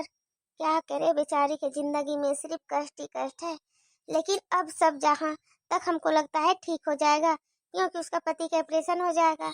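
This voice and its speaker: A woman doing a lower, soothing lady of the house. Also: no echo, studio quality. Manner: soothing, lightly scolding. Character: kindly bossy employer woman, the mistress. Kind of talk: cartoon story voice acting.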